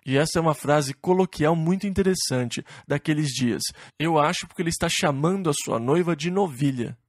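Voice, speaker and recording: Man, Bible teacher, expository study, slow verse reading, conversational retelling, fairly high voice, dry close sound. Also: no echo. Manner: reads verses slowly, then retells them conversationally.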